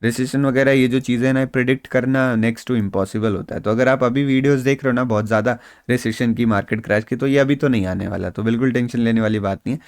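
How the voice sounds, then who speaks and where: A man explains market moves in a relaxed, conversational way, reassuring his viewers and dropping English phrases in as he goes. His voice sits at an ordinary middle pitch. The recording is close and dry, with no room sound. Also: fast, few pauses, clean tone, dry recording. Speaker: stock market trader and YouTube host. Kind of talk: casual explanatory market analysis.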